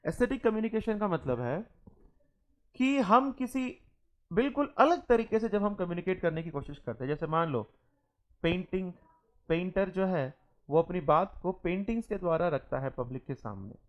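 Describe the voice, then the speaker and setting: A young man. He reads each English line slowly and carefully, then explains it at an easy conversational pace. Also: high voice, lively intonation. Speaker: teacher. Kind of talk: classroom lecture.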